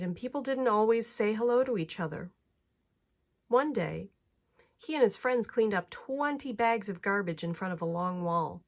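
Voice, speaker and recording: In a medium-pitched voice, a woman performs a children's picture book, telling the story expressively and phrasing clearly so young listeners can follow.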